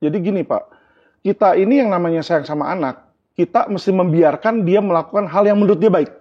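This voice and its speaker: Husky earnest man, interview guest. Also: high-pitched, fairly quick. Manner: earnest, explains with everyday examples. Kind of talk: candid interview talk. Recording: dull lo-fi sound.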